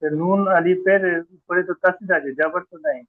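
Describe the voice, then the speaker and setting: A man's voice: high-pitched, steady tone, moderate pace, no echo. A man who is a student in an online Quran reading class, carefully reciting the letters one by one. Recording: thin phone-like call audio.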